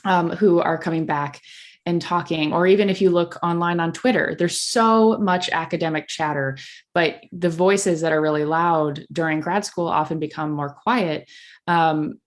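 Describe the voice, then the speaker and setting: A woman's voice: on the low side, steady tone, moderate pace. A young adult woman speaking as a podcast guest in candid conversation, blunt and impassioned.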